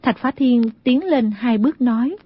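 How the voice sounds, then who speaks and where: A woman narrating an audiobook in a steady storytelling manner. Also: on the high side, normal speed, slightly rough. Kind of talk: scripted narration. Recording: dull lo-fi audio.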